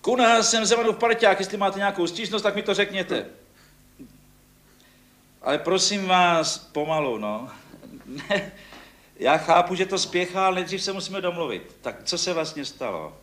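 An actor playing a calm, practical workman taking a phone complaint. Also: sits high, roomy sound. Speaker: workman, partner.

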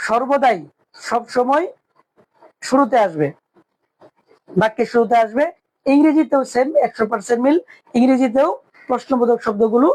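A woman teaching a language lesson, drilling each phrase by repeating it slowly and translating it. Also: fairly high pitch, darkish tone, rough recording.

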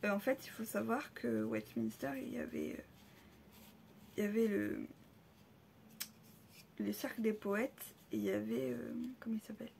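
A woman with a rough, gravelly voice that sits a little high, talking slowly and warmly while she shows her purchases at home. She hesitates often and drops into soft half-whispers. A faint hum of room noise sits behind her. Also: lively intonation. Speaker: vlogger showing a shopping haul. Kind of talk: casual haul video.

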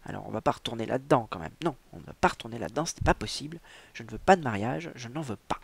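A man's voice: mid-range voice, lively intonation, very fast, gravelly, breathy edge, dry recording. A man reading a novel aloud, breaking off into digressive, teasing asides full of stock fillers. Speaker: reader and host.

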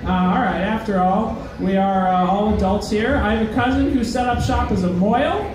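A young man with a high-pitched voice does stand-up in a comedy club at a normal speed, self-deprecating and hesitant, with plenty of "uh"s. The club is echoey and the mic sounds distant, with crowd laughter and heckles behind him.

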